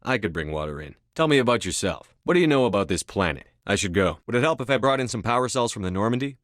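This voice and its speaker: Resolute male space commander, low pitch, authoritative, clipped controlled delivery, video game dialogue, dry recording. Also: animated, fast, a bit bright, no echo. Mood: calm, inquiring.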